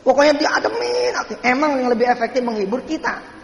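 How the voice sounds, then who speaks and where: A male preacher with a Jakarta Betawi accent telling a story in a sermon, animated, swinging between high exclamations and soft asides. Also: quick pace, creaky, a little hiss or hum. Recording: echoey hall reverb.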